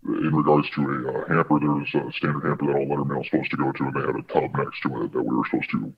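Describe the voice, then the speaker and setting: Guy w a disguised altered voice, super deep and husky, halting matter-of-fact answers, muffled clip. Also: steady tone. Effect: electronically altered, very deep disguised voice. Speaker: postal worker whistleblower. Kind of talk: answering interview questions in a recorded clip. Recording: muffled lo-fi video clip audio.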